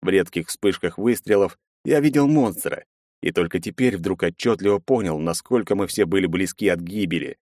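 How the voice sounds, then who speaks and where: A man's voice: sits low, normal speed, darkish tone, dry recording, studio quality. A man narrating a first-person action audiobook with a dramatic reading.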